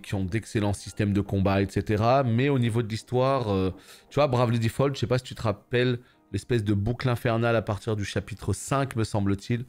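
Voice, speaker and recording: Lower-voiced man chatting through gameplay. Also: a little mellow. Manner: chatty, swears, answers viewers. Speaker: gaming video host. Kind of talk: casual gameplay commentary.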